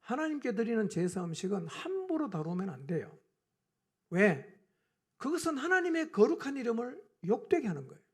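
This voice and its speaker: A pastor preaching a Sunday morning sermon, putting rhetorical questions to the congregation and swinging between quiet lines and loud, emphatic ones. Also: mid-range voice, very animated, normal speed, slightly rough.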